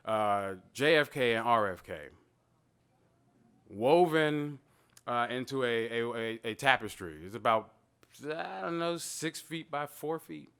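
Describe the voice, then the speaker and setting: A man in his thirties talking casually about his artwork, animated and digressive, often quoting voices as he tells stories. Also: mid-range voice, takes it slowly, smooth. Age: 30s. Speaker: artist talking about his own work. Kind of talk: gallery talk, casual storytelling.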